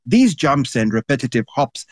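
A man with a Kenyan accent, speaking as a radio panellist and explaining a science story in a measured way. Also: medium pitch, big pitch swings, no room sound, clean studio sound.

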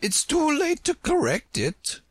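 Shrill, imperious Red Queen. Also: wildly swooping pitch, measured pace, no echo, full character voice. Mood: stern. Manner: emphatic, scolding, pompous. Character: imperious, contrary Red Queen, a chess-piece woman.

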